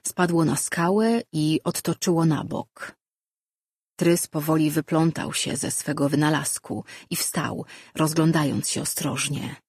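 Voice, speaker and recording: A man reads a fantasy story aloud in a calm, steady way. His voice is husky, sits at a middle pitch, and sounds dry and close to the mic. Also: dry recording. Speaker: audiobook narrator. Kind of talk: scripted fantasy narration.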